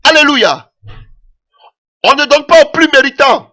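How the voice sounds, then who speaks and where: A man with an extremely high-pitched, bright, forceful voice preaches a sermon at a measured pace in French, which isn't his native language. He's impassioned, punctuating his points with "Alléluia".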